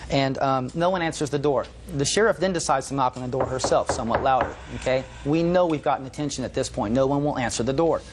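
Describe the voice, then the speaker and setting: A man testifying as plaintiff in a television courtroom, telling his story in animated detail. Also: mid-range voice, fast talker, hardly any pauses, noisy background. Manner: animated storytelling, quotes others.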